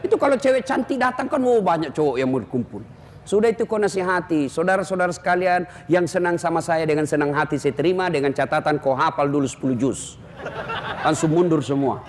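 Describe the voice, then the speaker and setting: A high-voiced male preacher teases his listeners and jokes directly at them through a comic sermon. His voice rings out with a long echo through a large hall. A faint hum sits underneath. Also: a little fast. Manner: teasing, jokey preaching with direct address to the crowd.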